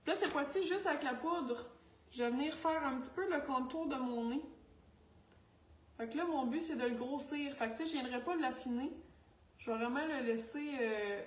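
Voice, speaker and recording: A makeup artist with a Quebec French accent talks to camera during a casual makeup tutorial, chatty, scattered and self-mocking as she works. Her voice sits high at normal speed, picked up by a distant mic with slight background noise. The room is echoey, with faint music.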